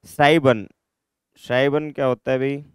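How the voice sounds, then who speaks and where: A man teaching German grammar in a classroom-style lesson, repeating words slowly to drill pronunciation. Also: medium pitch, little pitch movement, clear, resonant tone, dry recording, studio quality.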